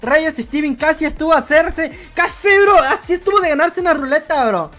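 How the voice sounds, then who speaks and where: Streamer host: Guatemalan woman, high pitched, playful teasing chat reader, soft music under her. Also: lively intonation, a little fast. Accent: Guatemalan Spanish. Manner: playful, teasing, keeps saying "bro". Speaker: livestream host. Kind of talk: casual livestream chat reading viewer jokes.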